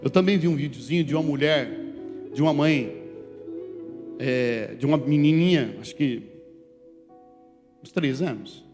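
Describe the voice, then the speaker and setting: A male pastor from Brazil preaching a sermon, animated, moving between loud calls to the congregation and quiet asides. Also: a little high, measured pace, pauses often. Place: church sanctuary. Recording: reverberant church hall with faint music.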